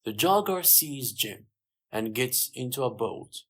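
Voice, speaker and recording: A narrator reading a simple story slowly and clearly for English learners. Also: mid-range voice, lively intonation, fairly bright tone. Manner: slow, clear, simple sentences.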